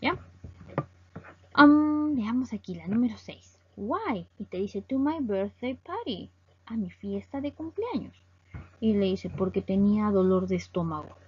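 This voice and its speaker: Lively woman teacher explaining grammar, lo-fi. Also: medium pitch, husky. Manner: explains step by step, reading English phrases slowly and checking with ¿ok?. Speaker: English teacher. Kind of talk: recorded classroom lesson explaining grammar.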